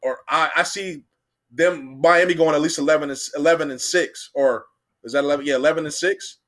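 A man's voice: on the high side, brisk. A young man co-hosting a sports podcast, rambling and repeating himself as he argues his predictions. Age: young adult. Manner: rambling, repeats himself, animated when arguing. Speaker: podcast co-host. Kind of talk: casual sports debate.

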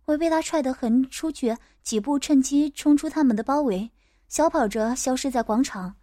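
A woman narrating a first-person audiobook story in a steady, plain way. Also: high-pitched, normal speed, no echo, studio quality.

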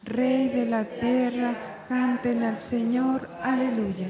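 Women and other worshippers giving slow, unison responses during Mass, with a long cathedral echo from a distant mic in a large church. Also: female voice, on the high side, steady tone, dark tone. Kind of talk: spoken and sung liturgical responses. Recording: echoing church hall heard from far off. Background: crowd of worshippers.

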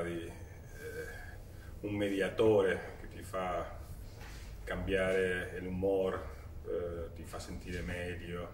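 A man in his forties with an Argentine Spanish accent speaks in a low, unhurried voice as an interview guest. He gropes for words and slips between languages as a native Spanish speaker. The sound is echoey and distant from the microphone. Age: 40s. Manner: halting, searching for words, switching between languages. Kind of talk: casual interview talk in mixed languages. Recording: roomy echo, distant mic, faint noise.

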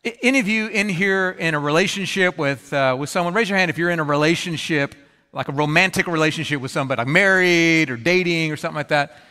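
A pastor preaching a sermon in a conversational, animated way, acting out little scenes with playful humor. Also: male voice, fairly high pitch, quick pace, clean tone. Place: church auditorium. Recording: long reverb of a large hall.

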